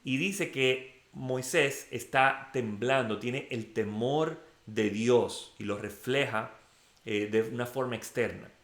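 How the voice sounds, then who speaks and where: A man's voice: mid-range voice, slow, fairly bright tone, roomy sound. A man leading a verse-by-verse Bible study, reading a passage and then explaining it in a conversational way with frequent "ok"s. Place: church room.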